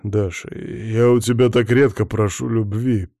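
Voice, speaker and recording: A man's voice: on the low side, steady tone, measured pace, mellow, no echo, clean studio sound. A man reading an audiobook, voicing a short-tempered fighter husband who talks curtly and with irony. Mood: ironic. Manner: curt, ironic.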